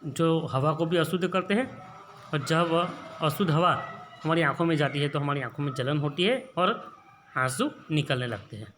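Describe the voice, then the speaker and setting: A male teacher from Gujarat talking through a textbook lesson, his voice sitting a little high. He moves slowly, repeating each line before explaining it. A faint hum of noise runs behind him. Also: fairly bright tone. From Gujarat, India.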